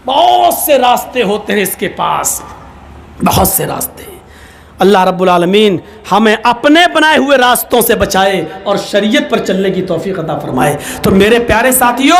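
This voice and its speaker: A man preaching a sermon, telling humorous stories with animated delivery that rises into fervent shouts. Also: sits high, gravelly, slight background noise. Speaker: Islamic preacher. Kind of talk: storytelling sermon.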